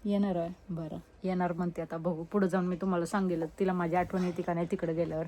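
A woman's voice: on the low side, level tone, quick pace, dark tone, a little hiss or hum. A young woman, chatting casually in a family vlog and teasing the kids. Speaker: vlogger.

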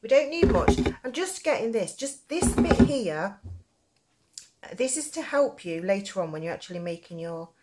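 A woman's voice: medium pitch, big pitch swings, moderate pace, darkish tone, slight background noise. A woman with a Nottingham accent, giving a casual, rambling craft tutorial in a chatty, informal way. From Nottingham, England. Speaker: crochet tutorial presenter.

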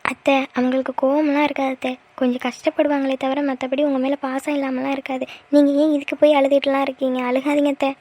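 A gentle young college girl in a cartoon who comforts others in a soothing, reassuring voice, as a woman plays her. Her voice sits high and her words move quickly. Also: little pitch movement, close to an everyday voice. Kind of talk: cartoon voice acting.

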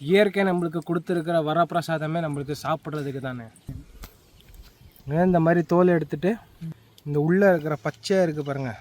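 A man's voice: a little high, brisk, a little mellow. A man chatting about a vegetable and asking curious questions. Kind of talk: casual chat about a vegetable.

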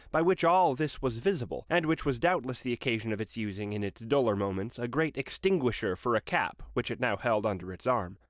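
A man reading a classic story aloud with expressive, varied delivery. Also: medium pitch, no room sound, studio quality. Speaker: reader.

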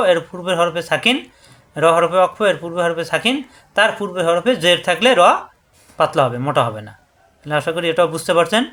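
A man teaching Quran reading rules. He explains step by step, and he drills syllables slowly and over again. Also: on the high side, a bit bright. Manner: slow, repetitive drilling of syllables. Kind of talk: tajweed lesson.

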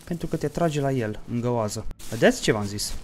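A hot-tempered gaming streamer, cursing freely and narrating his game to viewers. His voice sits at an ordinary middle pitch for a man, with a faint hiss behind him. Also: lively intonation. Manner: profane, hot-tempered outbursts between mumbled play-by-play; jokey mock-dramatic storytelling to viewers. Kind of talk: let's play commentary.

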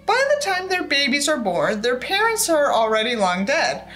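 At normal speed, the young woman's high, slightly bright voice swoops wildly in pitch as she reads a novel aloud with sarcastic, sweary commentary. As a book reviewer and host, she theatrically acts out dialogue in raised tones indoors before a tinsel backdrop, with soft music playing.

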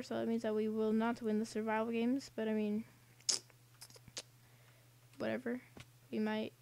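A woman's voice: on the high side, gravelly, darkish tone. A young woman casually commenting on a game she is playing, rambling and giggling with silly asides, recorded at home. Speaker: gaming channel host.

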